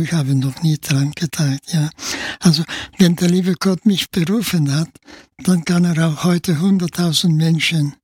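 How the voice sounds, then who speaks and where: A man in his nineties, from Spain, with a Spanish accent, speaking German as a priest guest in a radio interview, halting and peppered with "ja". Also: a little high, breathy edge, no echo. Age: 90s. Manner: halting, with frequent filler "ja" and restarts.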